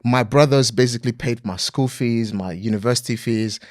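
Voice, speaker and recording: A man, a podcast guest speaking earnestly and motivationally in a relaxed interview, often using fillers like "you know". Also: medium pitch, normal speed, no room sound, studio quality. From Nigeria. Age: 40s. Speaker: podcast guest, property investor.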